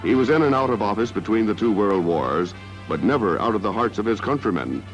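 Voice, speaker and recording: A man's voice: lowish voice, expressive, a little fast. Man narrating an old newsreel. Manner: declamatory, stately delivery. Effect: old newsreel film soundtrack. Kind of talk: dramatic 1960s newsreel narration. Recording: dull lo-fi 1960s newsreel audio with music.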